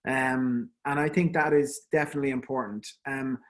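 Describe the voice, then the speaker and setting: A man's voice: mid-range voice, steady tone, moderate pace, a bit bright. An Irish man, a dental specialist, gives a conversational online lecture to fellow dentists, with frequent ums and restarts. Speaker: endodontist giving an online talk. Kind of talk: informal webinar lecture.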